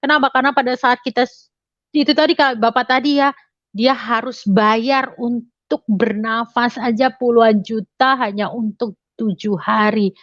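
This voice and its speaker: A motivational speaker gives her audience a casual, chatty talk full of fillers and tag questions. Her fairly high voice holds a steady tone at normal speed, recorded dry with a slightly dull, lo-fi sound.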